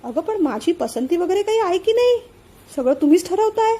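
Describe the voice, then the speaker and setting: An irritated young man snaps back at his meddling family, as a woman storyteller reads his lines. The voice stays high and mellow, curt and exasperated, in a read-aloud family story. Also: animated, a little fast.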